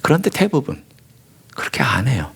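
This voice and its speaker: A man's voice: medium pitch, normal speed, vocal fry, slightly rough. A male pastor giving a sermon, reading scripture and voicing bold, rising questions to God. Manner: animated preaching, voices bold questions to God with rising intensity.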